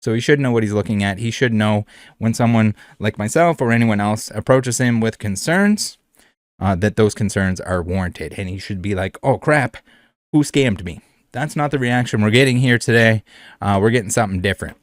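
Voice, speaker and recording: A man's voice: lowish voice, brisk, no room sound, clean studio sound. A man hosting a trading card video in casual commentary, rambling and repeating phrases, with many fillers. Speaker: trading card channel host.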